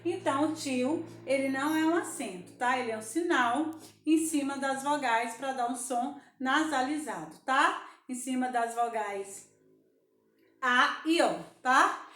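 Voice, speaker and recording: High-voiced Brazilian teacher, sing-song and coaxing. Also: female voice, fairly bright tone, echoey room. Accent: Brazilian Portuguese. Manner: sing-song, coaxing teacher voice, asks and answers her own questions. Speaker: primary school teacher. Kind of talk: teaching young children a lesson on camera.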